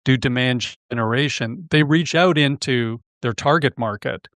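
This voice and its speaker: A man's voice: medium pitch, moderate pace, fairly bright tone, dry recording. A man hosting a sales podcast, interviewing a guest in a conversational, engaged way. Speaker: podcast host.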